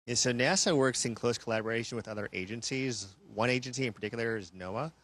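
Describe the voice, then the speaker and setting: A man speaking as an astronaut, giving measured, explanatory answers in a live question-and-answer downlink from a space station. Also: mid-range voice, a bit bright.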